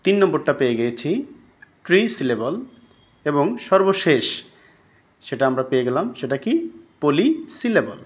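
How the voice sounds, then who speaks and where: A man's voice: on the high side, sing-song, moderate pace, long pauses. Male teacher quizzing his class. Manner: asks students questions and answers them himself. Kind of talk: recorded grammar lesson.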